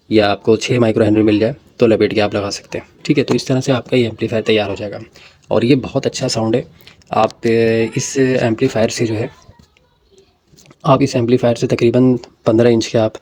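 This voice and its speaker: A man hosting an electronics tutorial, walking through a circuit diagram in a casual way with pauses and repeated "ٹھیک ہے" check-ins. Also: mid-range voice, warm tone.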